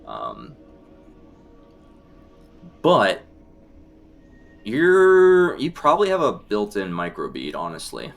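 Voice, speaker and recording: A man with a low voice runs a tabletop game as game master. He paints each scene in a deliberate, descriptive way. Quiet music plays behind him. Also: wildly swooping pitch, creaky. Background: background music.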